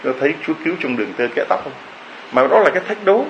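A man's voice: a little high, lively intonation, racing, vocal fry, muffled recording, a little hiss or hum. A man preaching a homily, telling a story and firing off rhetorical questions to the congregation.

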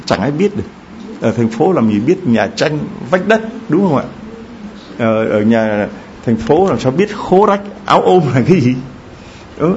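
Storytelling priest in a dull recording. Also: male voice, unhurried, a little hiss or hum. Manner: storytelling, lively, addresses congregation directly with questions. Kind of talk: sermon. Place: church. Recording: dull low-fi sound with faint ambience.

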